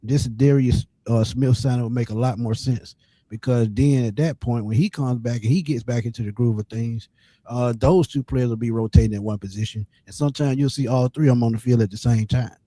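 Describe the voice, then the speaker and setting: A man hosting a sports show, explaining a team's roster in casual, measured talk. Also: medium pitch, mellow, no echo. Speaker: sports podcast host.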